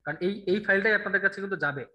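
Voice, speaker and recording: A man teaching an online English grammar class, quizzing a student and reading answer options slowly. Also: high-pitched, highs cut off, slight background noise. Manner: drills answers with rhetorical questions, reads options slowly.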